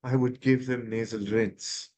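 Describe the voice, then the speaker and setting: An ENT surgeon from India explains nasal treatment in an expert interview, answering with many fillers and restarts. His medium-pitched voice is steady, unhurried and a little mellow.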